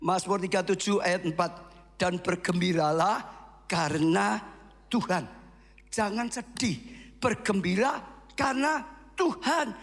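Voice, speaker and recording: A man preaching a sermon as pastor, swinging from quiet asides to shouted exhortation. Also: sits high, measured pace, long pauses, long reverb tail.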